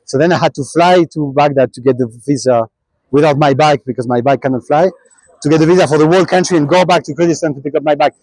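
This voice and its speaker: A young man, a cyclist answering questions in a relaxed interview, pausing and restarting often. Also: fairly high pitch, dry recording, low-quality recording. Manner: halting, many restarts and fillers. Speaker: traveling cyclist.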